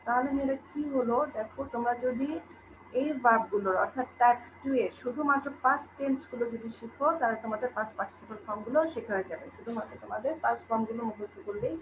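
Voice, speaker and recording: Woman teacher slowly reciting verb forms. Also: fairly high pitch, steady tone. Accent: Bangladeshi. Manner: patient explaining to students. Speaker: English teacher. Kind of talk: recorded online class lesson. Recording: dull lo-fi recording with faint noise.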